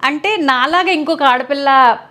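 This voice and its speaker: A woman's voice: high voice, unhurried, sharp tone. A woman with a Visakhapatnam Telugu accent, speaking candidly in an interview and acting out what others said. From Andhra Pradesh. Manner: emphatic, acts out quoted dialogue.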